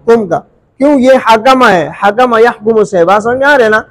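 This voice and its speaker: A man teaching Quran recitation rules, repeating each point and asking the listener rhetorical questions, sometimes drawing out sounds slowly to demonstrate. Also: extremely high pitch, fairly bright tone, poor audio. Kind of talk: Urdu tajweed lesson.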